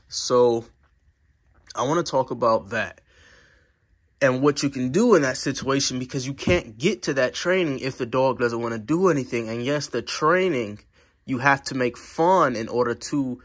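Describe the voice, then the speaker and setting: A man's voice: medium pitch, fairly bright tone. A man talks casually to his camera at home, sharing puppy training advice. His voice is slightly stuffy from a cold, and he rambles, circling back with fillers and restarts as he goes. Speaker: dog vlogger. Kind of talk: casual vlog talk to camera.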